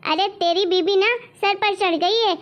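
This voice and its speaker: Brief: woman doing a high-voiced scolding mother-in-law, bossy and proud, family drama. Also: steady tone, measured pace, lo-fi sound. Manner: scolding, indignant.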